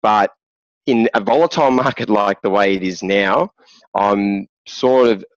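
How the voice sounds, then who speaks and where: A man, a day trader, explaining his trading in a relaxed interview chat. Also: fairly low pitch, a little slow, no room sound, highs cut off.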